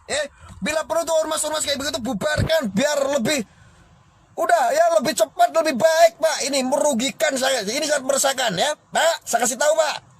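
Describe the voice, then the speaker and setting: High-voiced man ranting defiantly on livestream. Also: brisk, a little hiss or hum. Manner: confrontational, defiant, scolding. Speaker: livestream host. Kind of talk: heated livestream rant.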